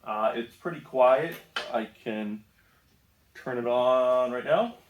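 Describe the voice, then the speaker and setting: A man's voice: medium pitch, slow pace, echoey room, lo-fi sound, a little hiss or hum. A man from the northeast United States casually reviewing a bandsaw in his home woodworking shop, easygoing, with lots of ums and self-corrections. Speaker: tool reviewer.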